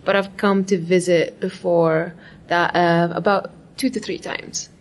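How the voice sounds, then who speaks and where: Her voice is fairly low, steady and unhurried as she reflects in a casual interview. She's a graduate student from Iraq who frequently uses "like" and "right?".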